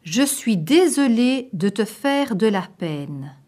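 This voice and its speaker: A woman teaching a vocabulary lesson, saying each short phrase slowly and distinctly so learners can repeat it. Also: fairly high pitch, big pitch swings, a little mellow. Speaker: language teacher. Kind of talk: slow, clearly spoken vocabulary lesson.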